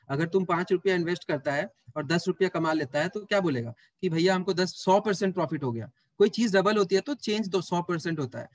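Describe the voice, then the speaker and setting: A man with a high, light voice teaches math in a live online class. He talks casually and teases students as he works through the numbers aloud, recorded close in a dry setting. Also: dry recording. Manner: chatty, teasing students while working sums aloud.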